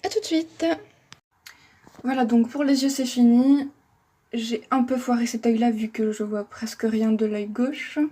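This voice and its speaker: A woman's voice: fairly high pitch, steady tone, a little slow, warm tone, slightly rough. A young woman chatting casually through a makeup tutorial, talking as she works and making fun of herself. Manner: chatty, self-deprecating, talks while working. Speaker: makeup vlogger.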